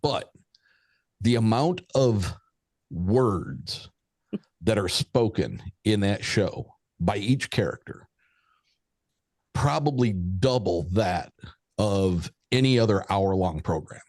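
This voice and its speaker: Unhurried low-pitched man in casual chat. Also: animated, darkish tone, dry recording.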